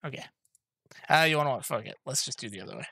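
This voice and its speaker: Woman GM, loose chatty narration, frequent laughs, bright tone. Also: a bass voice, animated, quick pace, gravelly, breathy edge, no room sound, clean studio sound. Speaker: game master. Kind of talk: narrating a tabletop game.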